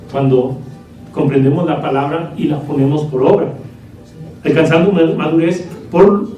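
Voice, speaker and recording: A man's voice: on the high side, dark tone, roomy sound, far from the mic, poor audio. A man preaching a sermon to a congregation in a church, teaching in a conversational way and often checking in with his listeners. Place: church hall.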